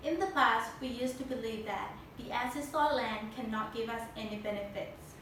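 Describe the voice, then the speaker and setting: A woman's voice: a little high, normal speed. A young woman with a Thai accent delivers a memorized competition speech in a stiff, rehearsed way. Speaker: speech contestant. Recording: very echoey room, distant mic, noisy.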